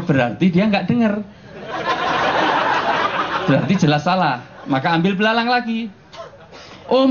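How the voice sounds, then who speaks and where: Preacher, male, slightly high voice, dull noisy live recording, jokey storyteller. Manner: joking, animated storytelling with frequent chuckles. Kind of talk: humorous sermon.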